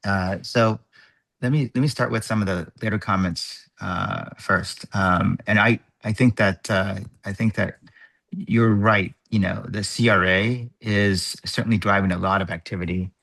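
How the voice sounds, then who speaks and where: A man chairing an online work group meeting, thinking aloud in a halting, measured way over a video call microphone. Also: lowish voice, steady tone, creaky, a bit bright.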